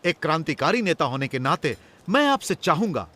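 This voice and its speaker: A fiery revolutionary leader in a film dub. His voice sits high and swings widely as he declaims. The tone is bright and ringing, and the delivery stays impassioned throughout. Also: big pitch swings, brisk. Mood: earnest. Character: fiery male revolutionary leader addressing bankers.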